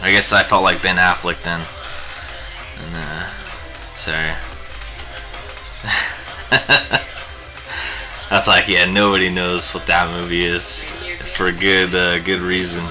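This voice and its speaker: A young man hosts a live stream teaching digital painting, rambling and joking with lots of fillers as he works. His low-pitched voice stays level and slow, with long pauses, and music plays in the background.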